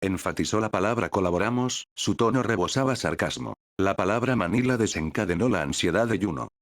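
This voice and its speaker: A man narrating a story in a steady, even audiobook delivery. His voice is low, and the recording is dry with no room echo. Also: a little fast.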